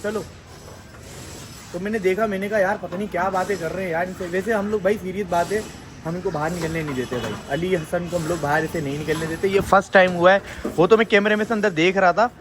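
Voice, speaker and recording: A man's voice: high voice, fairly even intonation, fast, noisy background. A man from Pakistan with a Karachi Urdu accent, a father lecturing and scolding his children in a casual family vlog. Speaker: vlogger and father.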